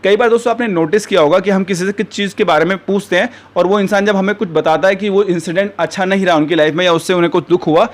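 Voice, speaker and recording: A man teaches a spoken lesson at a brisk, rapid clip. His voice sits a little higher than most men's, and he keeps calling his viewers friends. He slows right down whenever he gives an example sentence. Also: steady tone. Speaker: English teacher.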